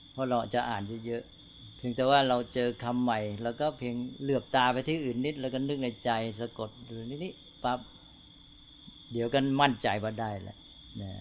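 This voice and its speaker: An older male Buddhist monk giving a slow, unhurried talk to fellow monks, often checking in with tag questions. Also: medium pitch, a little hiss or hum.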